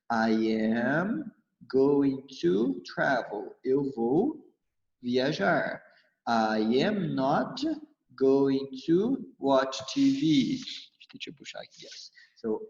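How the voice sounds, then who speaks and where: Brazilian guy teaching english grammar, talks slow and careful, echoey reverb room. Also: mid-range voice. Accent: Brazilian Portuguese. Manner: calls himself teacher, switches between English and Portuguese, slow drilled examples. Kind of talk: bilingual grammar lesson. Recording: dull lo-fi with long reverb.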